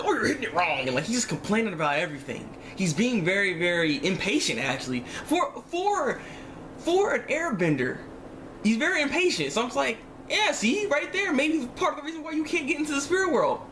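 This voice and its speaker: With a slightly high, fairly bright voice and a bit of background noise, a man gives viewers an informal spoken review of an animated series episode. He's slangy and repetitive, acting out remarks as he reacts.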